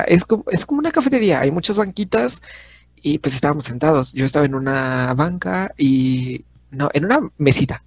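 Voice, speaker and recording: A man's voice: medium pitch, creaky, no echo. A young man in his twenties with a Mexican accent, co-hosting a casual podcast and telling a story with frequent laughter. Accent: Mexican Spanish. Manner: lively storyteller, laughing often. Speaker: podcast co-host. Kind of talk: casual chat.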